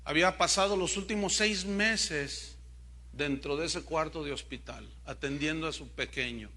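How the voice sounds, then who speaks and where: Casting: high, very bright male preacher, emphatic, swings loud to soft, rhetorical questions. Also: moderate pace. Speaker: pastor. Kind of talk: sermon.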